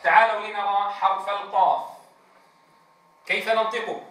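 A man's voice: high voice, steady tone, fairly bright tone. A man teaching Quran recitation, drawing out letter sounds for a class to repeat and quizzing them on each letter. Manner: drawn-out demonstrations of letter sounds, asks the class questions. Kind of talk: tajweed lesson with call-and-response drills. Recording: echoey room, distant mic, faint noise.

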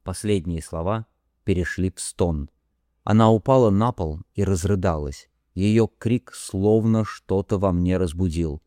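A man narrating an audiobook in the first person, measured and grave, on a close studio mic. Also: sits low, mellow, no echo.

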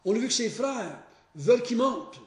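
A man leading a Bible study. He prays, reads scripture aloud and explains it earnestly, pausing often and restarting his phrases. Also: very high voice, expressive, a little mellow. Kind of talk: Bible study teaching with prayer and scripture reading. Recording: echoey room.

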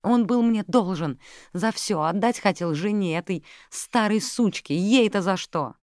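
A reader voicing a greedy young female secretary who shouts and mutters through clenched teeth. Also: medium pitch, animated, measured pace, dry recording, studio quality, voice pushed up, natural voice. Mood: bitter. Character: furious young woman secretary, greedy and vengeful.

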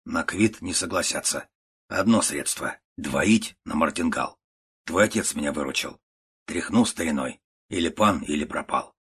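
A man's voice: very deep voice, normal speed, slightly rough, full character voice. A man doing a stern, curt old uncle. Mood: stern, calm. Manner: clipped, curt phrases, quiet and level. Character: old uncle, stern, calm, terse, unshakable. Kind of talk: storybook reading.

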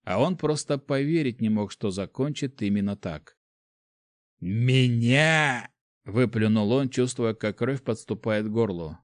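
A man reading a fantasy novel aloud in a steady, measured storytelling voice. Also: lowish voice, dry recording, studio quality. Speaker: audiobook narrator. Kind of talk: scripted narration.

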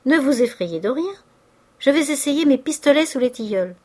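A woman's voice: fairly high pitch, expressive, normal speed, a little mellow. Woman voicing a middle-aged man, sardonic, mocking, swaggering, menacing, audiobook storytelling. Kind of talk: audiobook character reading.

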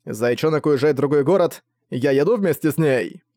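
Male reader playing a cocky flirty rogue, raised pitch, close dry audiobook read. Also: brisk, mellow, no echo, close to an everyday voice. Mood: smug. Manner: smug, flirty, mocking. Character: cocky teasing male ex-villain.

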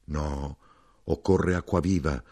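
A man reading an audiobook, voicing a huge, gentle, generous man who insists on treating everyone. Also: a bass voice, fairly even intonation, slow, husky, dry recording, full character voice. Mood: insistent.

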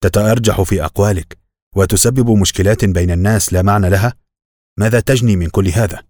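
A man voicing a stern, quick-tempered older uncle who scolds impatiently in an audiobook. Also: on the low side, darkish tone, dry recording, studio quality, close to an everyday voice. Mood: scolding.

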